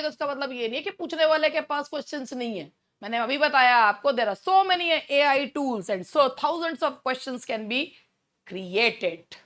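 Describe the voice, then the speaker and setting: A woman teaching English literature for an exam, mixing Hindi and English, reading out options slowly and then explaining briskly. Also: sits high, sharp tone. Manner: reads multiple-choice options slowly, then explains quickly; addresses students directly with rhetorical questions.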